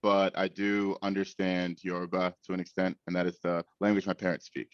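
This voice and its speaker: A man speaking in a relaxed way in a documentary interview, pausing often with "uh". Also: low-pitched, clean tone, no room sound, muffled recording. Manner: relaxed, with many "uh" pauses.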